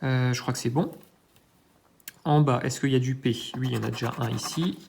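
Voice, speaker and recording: A man's voice: mid-range voice, fairly quick, vocal fry, darkish tone, slight background noise. A man hosting his own channel, giving hesitant, think-aloud commentary while scratching lottery tickets, with self-mocking asides and lots of filler sounds. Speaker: scratch-card channel host.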